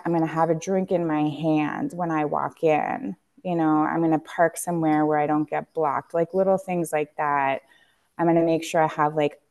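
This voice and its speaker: Low-voiced woman talking reflectively. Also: darkish tone. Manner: reflective, frequent fillers and restarts. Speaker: guest, tea company founder. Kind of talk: candid podcast conversation.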